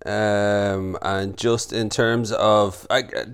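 A male podcast host with a fairly low voice steers a casual interview. He chats freely and asks his questions with a relaxed, conversational air. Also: drawn-out words, smooth. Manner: chatty, laughing interjections.

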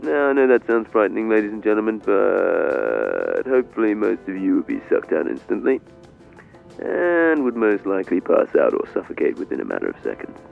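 A man playing a bitter, heartbroken airline captain on the intercom, calm and matter-of-fact, with a low, deeply gravelly voice that swoops widely in pitch. The sound is thin and tinny like a cabin speaker, and faint music plays underneath. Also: moderate pace, heavily acted. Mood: deadpan. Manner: calm, matter-of-fact, polite announcer's phrasing. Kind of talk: comic in-flight announcement.

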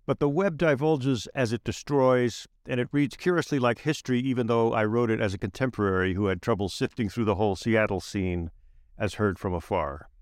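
A man reading aloud his own essay in a measured, wry narration with slowed emphatic phrases. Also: mid-range voice, no echo, studio quality.

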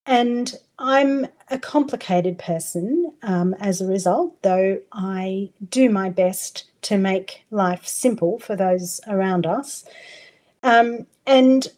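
With a mellow, mid-range voice, a middle-aged Australian woman guests on a podcast interview, talking openly and expressively and swearing without restraint.

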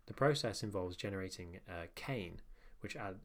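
A man's voice: low voice, expressive, moderate pace. A young man with a nasal voice reads his own newsletter aloud in a casual, wry tone, with swearing and self-mocking asides. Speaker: newsletter narrator and podcast host.

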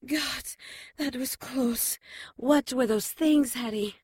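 A woman playing a shaken but caring, gently reproving nun in an audio drama. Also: high voice, slow pace, slightly rough, no echo, studio quality, full character voice.

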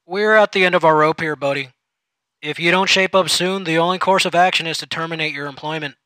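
A loud, overexcited supervisor with a patronizing, chummy push to every line, as a man puts him on. His voice is bright and sits a little high, recorded close and dry. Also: a little fast, clear, resonant tone, dry recording. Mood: overbearing. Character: overly chummy male office supervisor, pushy.

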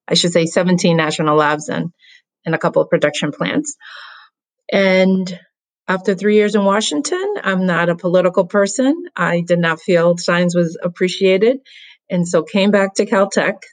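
A woman from the Dominican Republic talks over a video call. Her voice sits low, and she tells her story in an upbeat, measured way, with a few fillers along the way. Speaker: guest. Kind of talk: interview answers.

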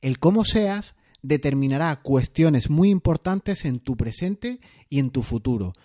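A man's voice: on the high side, lively intonation, measured pace, warm tone. A man hosting a solo podcast, explaining in a conversational way with occasional fillers. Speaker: podcast host.

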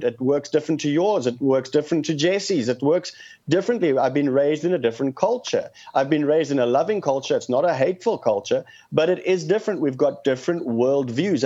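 This South African guest on a call-in program has a fairly high but dark-toned voice. His phone-in interview is delivered with earnest passion, heard through a muffled, low-fidelity line.

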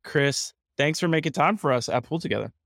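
A man's voice: on the high side, lively intonation, fairly quick, vocal fry, a bit bright, dry recording, clean studio sound. Eager podcast host man. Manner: eager, restarts often. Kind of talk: casual podcast interview.

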